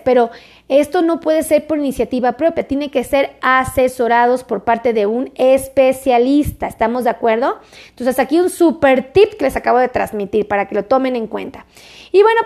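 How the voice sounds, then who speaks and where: Her voice sits high with a darkish tone. She's a doctor and health video creator speaking casually to camera about health, chatty and repetitive while coaxing her viewers along.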